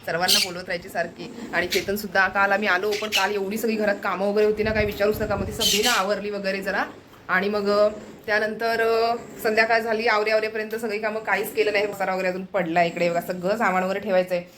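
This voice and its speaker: A chatty woman from the Konkan talks quickly to her viewers, rambling and laughing often. Her phone recording carries clear background noise. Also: medium pitch, little pitch movement, a bit bright. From Konkan, India. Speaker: vlogger. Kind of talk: casual home vlog talk.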